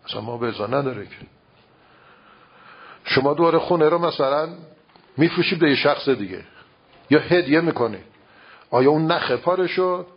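Guy lecturing on philosophy, gravelly and husky, lots of rhetorical questions, dull lo-fi recording. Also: on the high side, lively intonation, pauses often. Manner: explains with everyday examples and rhetorical questions. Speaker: religious philosophy teacher. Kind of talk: informal lecture.

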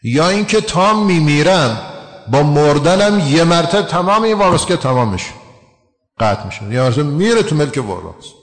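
A man's voice: fairly high pitch, big pitch swings, long reverb tail. A man giving a religious lecture, explaining a text and asking his listeners rhetorical questions.

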